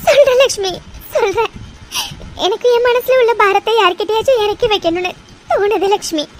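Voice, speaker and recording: A woman's voice: very high-pitched, brisk, rough recording. A woman voicing an anxious, tearful mother of three in a cartoon, with an emotional, pleading delivery. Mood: sorrowful. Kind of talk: cartoon dubbing. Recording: faint background noise.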